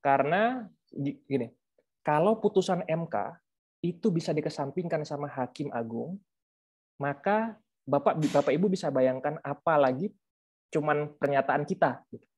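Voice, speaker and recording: Pausing often at a moderate pace, the researcher and author speaks expressively in a somewhat high, slightly mellow voice with a breathy edge. As a webinar guest on a video call mic, he explains his views in a conversational way, full of fillers and rhetorical tags.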